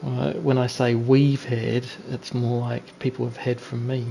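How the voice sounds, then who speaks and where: On his gaming headset, a New Zealander offers casual live-stream chat while racing online, poking fun at other drivers. His mid-range voice is gravelly and dark, delivered flatly and without hurry, with a little hiss or hum behind it.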